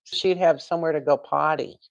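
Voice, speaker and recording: A woman's voice: sits low, steady tone, brisk, creaky. A woman hosting a casual live stream from home, rambling, laughing and answering viewer comments.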